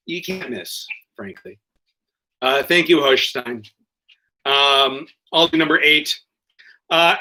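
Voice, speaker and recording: Over a video call, a man runs an online quiz, reading out questions and throwing in jokey, profane asides. His voice is fairly high, bright and forceful, and the recording is rough.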